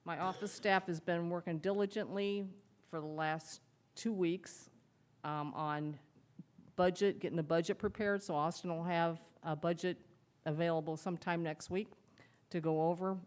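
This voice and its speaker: A woman who serves as clerk treasurer gives her report at a city council meeting. She speaks in a slightly low voice, chatty and hesitant, with frequent fillers. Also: steady tone, normal speed, a little mellow.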